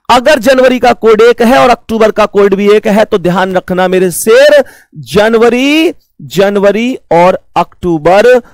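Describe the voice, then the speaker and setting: High-voiced teacher repeating points slowly. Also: male voice, no echo. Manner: explains slowly, repeats points, addresses students fondly. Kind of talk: blackboard math lesson.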